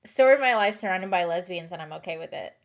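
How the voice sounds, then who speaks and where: A woman with a lowish, expressive voice talks at a quick pace in a light Southern accent. She's a live streamer chatting casually with her viewers, rambling and giggling, restarting sentences and overthinking out loud.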